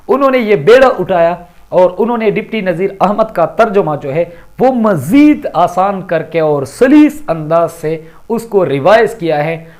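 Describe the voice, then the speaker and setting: A man giving a deliberate, explanatory lecture to students, addressing them politely as he explains a lesson. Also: high voice. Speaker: Urdu teacher. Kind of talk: classroom-style recorded lecture.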